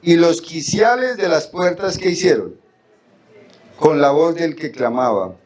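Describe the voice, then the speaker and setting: A man's voice: fairly high pitch, animated, unhurried, a little mellow. A man with a Colombian accent preaching a Bible study, reading verses aloud and putting questions to the congregation. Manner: asks the congregation questions and answers them; reads verses aloud, drawing out key words. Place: church hall.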